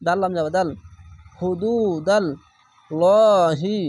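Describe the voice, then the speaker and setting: A man teaching Quran reading, spelling each word letter by letter and then stretching out the whole word slowly. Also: high-pitched, darkish tone. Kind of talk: spelling-out recitation lesson.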